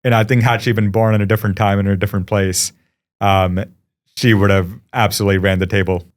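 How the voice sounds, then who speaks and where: A young adult man from India, a company founder reflecting warmly in a casual podcast interview, with lots of ums and uhs. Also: fairly low pitch, level tone, fast. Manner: warm, reflective, frequent fillers.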